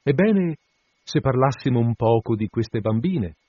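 A man's voice: mid-range voice, expressive, unhurried, warm tone, breathy edge, no echo, highs cut off. A man voicing an affected, flustered society baroness in her fifties, fussy and pompous, in a storybook reading. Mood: bossy.

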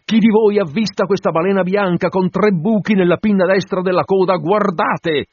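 A fierce, tormented whaling captain acted by a male narrator rallies his crew in grand exclamations. The voice is loud, raised and husky, full of obsessive command. It is an audiobook performance with a slightly dull, dry sound. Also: medium pitch, normal speed, no room sound, lightly acted. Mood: fierce rallying. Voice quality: forceful shouting delivery.

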